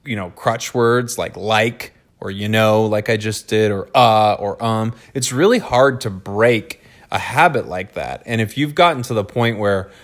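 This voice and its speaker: A man co-hosting a podcast, chatting casually and reading out a listener's letter, now and then dropping into a quick joke voice. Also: lowish voice. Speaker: podcast co-host.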